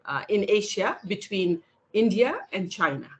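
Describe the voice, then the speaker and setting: A woman's voice: medium pitch, expressive, measured pace, a little hiss or hum. Hesitant Nepali woman in her sixties. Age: 60s. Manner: thoughtful, hesitant with frequent fillers and restarts. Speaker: interview guest, women's rights activist. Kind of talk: casual interview over video call.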